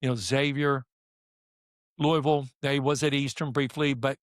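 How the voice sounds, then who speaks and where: A man's voice: mid-range voice, moderate pace, no echo, clean studio sound. An older man, a basketball coach telling stories in casual conversation and acting out the dialogue. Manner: animated storyteller acting out dialogue. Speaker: podcast guest, basketball coach.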